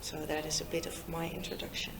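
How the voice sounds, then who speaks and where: A woman's voice: sits low, completely flat delivery, echoey room, very noisy. A woman in her fifties, a native Dutch speaker, giving an informal, chatty talk to a group of young people and drawing them in with questions. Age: 50s. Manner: slow, warm and chatty, draws in her listeners. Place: meeting room in Lusaka.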